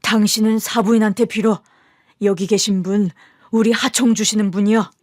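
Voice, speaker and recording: A woman's voice: medium pitch, fairly even intonation, moderate pace, darkish tone, no room sound, studio quality, natural voice. A woman voicing a nervous middle-aged businessman who barks curt orders at his wife in a radio drama. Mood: urgent.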